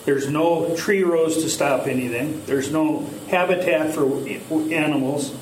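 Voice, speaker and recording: A man's voice: a little high, unhurried. An older man talking casually and plainly, in a folksy way, to a group in a meeting room. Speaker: local landowner addressing officials. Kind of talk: casual, conversational complaint. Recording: echoey room with background noise.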